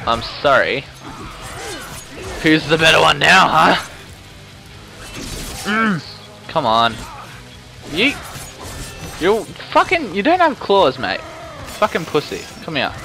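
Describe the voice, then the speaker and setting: A man giving casual gameplay commentary, swearing and trash-talking excitably. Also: fairly high pitch, slow pace, creaky, pauses often, music in the background.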